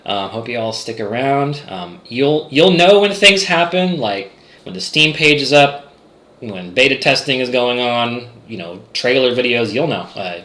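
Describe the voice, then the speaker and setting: Rambling man streaming, bright echoey voice. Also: mid-range voice. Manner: rambling, many fillers and restarts. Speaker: game developer streamer. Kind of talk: casual livestream chat reading chat.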